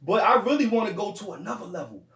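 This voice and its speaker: High-voiced man, loose and profane. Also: quick pace, recorded from a distance. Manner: profane, animated, laughs a lot, many restarts. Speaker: rapper and podcast guest. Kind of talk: casual podcast chat. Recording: roomy, off-mic, faint noise.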